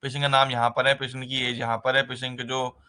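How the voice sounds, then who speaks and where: A man leads a recorded nursing exam lesson in a bright, forward voice. He speaks in a loose, conversational way, mixing terms. He keeps checking in with a short filler. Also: medium pitch, level tone, quick pace, clean tone. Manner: conversational, repeats "ठीक है" as a filler, mixes English terms into Hindi.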